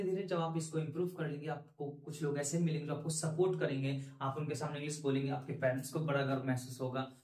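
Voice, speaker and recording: A man's voice: fairly high pitch, darkish tone. A male spoken English teacher giving an earnest, encouraging lesson talk to learners, repeating his points with rising emphasis. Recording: echoey room.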